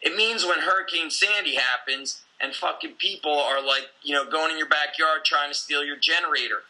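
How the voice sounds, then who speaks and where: A man in his forties talks in a casual conversation with an intense, blunt drive, swearing as he goes. His voice is strikingly bright and sits a little high. He sounds like a coach who runs his own gym. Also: normal speed, low-quality recording.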